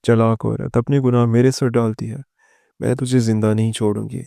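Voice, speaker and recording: A man's voice: medium pitch, little pitch movement, vocal fry, clean tone, dry recording, studio quality, natural voice. Man reading as a furious scheming older sister. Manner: angry shouting threats.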